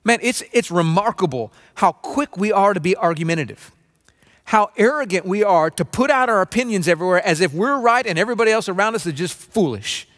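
A man in his forties preaching a sermon from a stage, earnest and conversational, often restarting phrases and mimicking a low grumble. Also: lively intonation, fairly quick, fairly bright tone. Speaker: pastor. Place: dim stage with spotlights, seated at small table.

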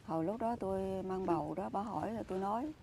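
A woman's voice: medium pitch, quick pace, mellow, slight background noise. Older Mekong Delta woman telling her story. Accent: Southern Vietnamese, Mekong Delta. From Mekong Delta, southern Vietnam. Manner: earnest, emphatic storytelling. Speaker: interviewee. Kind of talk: personal account in an interview.

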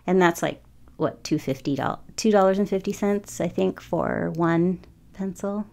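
A low-pitched woman in her forties gives a casual voice-over about her painting. Her voice has a gravelly fry and a warm, mellow tone. She rambles easily, filling pauses with ums. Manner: chatty, rambling, frequent ums. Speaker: watercolor artist.

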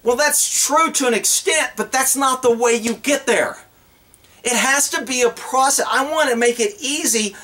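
A horse trainer and vlogger, middle-aged and speaking high and raised at a moderate speed, addresses the camera off the cuff while outside on open farmland. Folksy and blunt, he stays animated and plays out imagined conversations.

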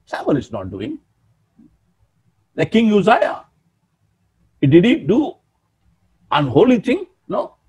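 A pastor in his sixties preaches a sermon over a webcam in a small room, his voice sitting high and husky. He's emphatic and animated, often calling out to his listeners.

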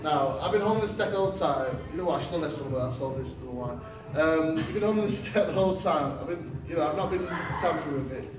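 A young man performs a card trick on a small stage, talking to the audience in a rambling, good-humoured way. His voice sits a little high for a man. The recording picks him up from a distance in a noticeably echoey hall. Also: quick pace, hardly any pauses. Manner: chatty, self-deprecating, stumbling restarts. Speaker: stage magician. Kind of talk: live stage patter with audience. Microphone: distant camera, no mic. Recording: roomy hall echo, voice from far off.

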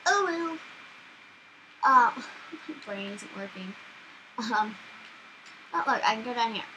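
A high, bright-voiced young woman talks her way through a game. She chats in a loose, excitable way and yelps when something startles her. A faint hum sits under her voice. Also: takes it slowly, poor audio. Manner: chatty, excitable, easily startled. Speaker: gaming channel host. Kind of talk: casual gameplay commentary.

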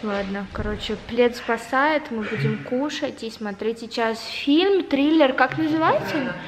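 A bubbly young woman vlogs casually into a handheld camera held at arm's length in the living room of a chilly house. She's chatty and talkative, shifting quickly into excited high tones, while the room echoes and the home camera audio is noisy.

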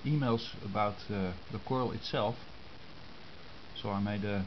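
Slow and halting, a fairly low-voiced Dutch ham radio hobbyist explains diagrams he sketched by hand, pausing between brief phrases in a casual, step-by-step way. A compact camera's own microphone recorded it, leaving the sound muffled with hiss.

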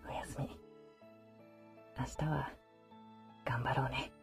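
A male actor playing a gentle, devoted supernatural young man in an ASMR role-play of intimate bedside pillow talk, soft and hesitant. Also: a little high, expressive, slow, soft background music. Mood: tender, affectionate. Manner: soft, tender, breathy, hesitant.

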